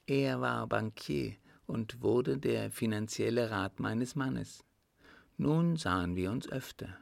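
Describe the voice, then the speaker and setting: A man's voice: creaky, no room sound, exaggerated voice. A man voicing a wistful older countess. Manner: raised pitch, softly confiding, measured. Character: wistful older widowed countess, rich and resolute. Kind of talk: audiobook reading.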